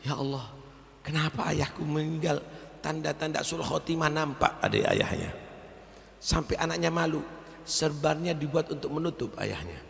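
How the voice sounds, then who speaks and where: A man preaching a fervent Islamic sermon, swinging from soft storytelling to loud exhortation and chanting Arabic verses in slow, drawn-out phrases. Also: fairly high pitch. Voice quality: gravelly. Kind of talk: Islamic sermon at a religious gathering. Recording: long hall reverb.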